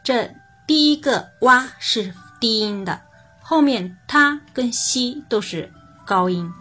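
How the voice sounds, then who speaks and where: A woman's voice: a little high, expressive, fairly bright tone, faint music behind. Patient woman teaching pronunciation. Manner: patient, repeats example words slowly for practice. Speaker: language teacher. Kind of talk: explaining Japanese pitch accent.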